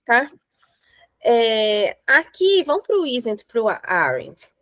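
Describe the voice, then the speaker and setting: Fairly high-voiced woman teaching grammar. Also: huge pitch swings, fairly bright tone, dry recording, poor audio. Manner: explains step by step, slows to write examples. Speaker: English teacher.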